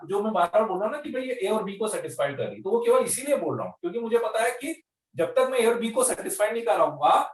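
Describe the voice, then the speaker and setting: Echoey high-voiced man teaching maths. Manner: explains patiently, repeats each point; checks in with students often. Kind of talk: online class lecture. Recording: echoey room, mic at a distance.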